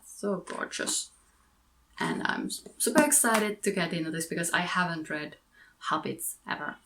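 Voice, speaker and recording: A Finnish woman with a fairly low voice chats casually about a book haul, background noise audible. As a book vlogger she's talkative, correcting herself as she goes and dropping giggly asides, all in a Finnish accent.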